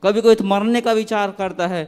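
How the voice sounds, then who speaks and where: A distressed man pleads for guidance in a clear, high voice. He keeps asking what he should do, and his words echo through a large hall. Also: steady tone, normal speed, a little mellow. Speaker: audience member asking for advice. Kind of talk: pleading personal question. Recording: reverberant hall.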